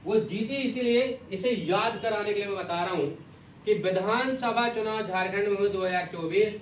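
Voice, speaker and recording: A male teacher giving an exam-prep lesson, playfully acting out little skits and asking again and again whether the students understood. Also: high-pitched. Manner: repeats "samjhe nahin samjhe?" to check understanding. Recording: echoey, distant, dull audio with faint noise.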